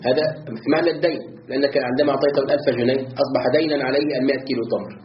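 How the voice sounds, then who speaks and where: Speaking rapid-fire in a mid-range voice with fairly even intonation, a man explains Quran commentary phrase by phrase in a classroom and quizzes his students. Slight background noise runs through the roomy, dull lo-fi recording.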